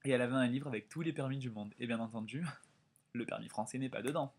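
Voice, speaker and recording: A young man in his twenties from France telling a story in a casual vlog, animated and chatty with lots of quoted dialogue. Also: mid-range voice, fast. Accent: French. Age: 20s. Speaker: vlogger.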